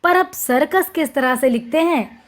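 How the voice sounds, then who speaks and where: A woman teaching small children to read, slowly sounding out each syllable and repeating every word. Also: high-pitched. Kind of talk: slow, drawn-out reading lesson for small children.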